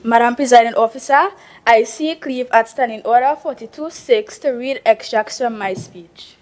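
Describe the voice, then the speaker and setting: A Tobagonian woman with a high, clear voice delivers a formal speech in an assembly chamber. She is measured and oratorical, and drops into local dialect to land a point. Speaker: youth assembly member.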